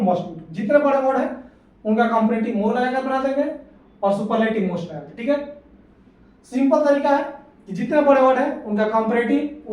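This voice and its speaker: A high-pitched man teaches English grammar, repeating each rule and asking questions of his students. His voice is heard from a distance in a strongly echoing room, far from the mic. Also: a little mellow. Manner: patient, repeats points and asks the class questions. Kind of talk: classroom lesson.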